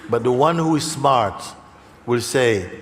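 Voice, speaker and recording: A man's voice: mid-range voice, animated, a little slow. A man giving a conversational spiritual talk to a live audience. He often checks in with "okay?" and now and then acts out other people's voices. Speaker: spiritual teacher. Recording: long hall reverb, faint background noise.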